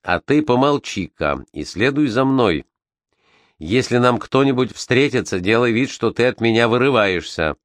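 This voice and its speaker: A man doing a hushed, urgent sailor. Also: mid-range voice, expressive, normal speed, no room sound, close to an everyday voice. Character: cautious, protective male sailor.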